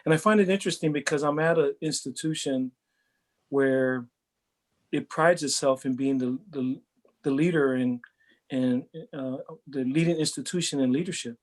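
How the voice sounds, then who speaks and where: A middle-aged man from Hawaii, a football coach, talks through his answers in an interview. His voice sits at an ordinary pitch, and his manner is earnest and reflective, repeating words as he gathers his thoughts. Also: normal speed. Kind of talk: interview answers, casual chat.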